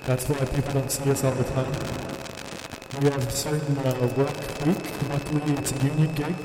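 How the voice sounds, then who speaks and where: A man playing a timid, easily scared male ghost who talks in a hesitant, rambling, deadpan way, recorded in a roomy hall with loud noise. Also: medium pitch, normal speed, close to an everyday voice.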